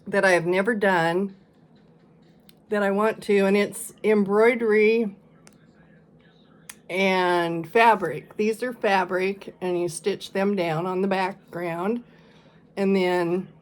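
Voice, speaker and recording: A woman chatting casually as a vlog host, showing her stitching projects, with a relaxed, rambling manner and plenty of ums. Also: medium pitch. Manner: slow, chatty, many ums and pauses. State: coughing and sneezing now and then. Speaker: flosstube vlogger. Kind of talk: casual show-and-tell chat.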